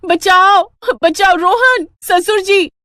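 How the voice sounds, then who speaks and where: Woman doing a shrill, vain young daughter-in-law. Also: expressive, fairly quick, no echo, studio quality, lightly acted. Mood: panicked. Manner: whiny, shrill and high.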